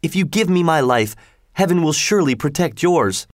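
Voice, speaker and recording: A man's voice: a little high, animated, measured pace, dry recording, studio quality, voice pushed up. A man voicing a poor fisherman and father who pleads anxiously in a raised voice. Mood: pleading.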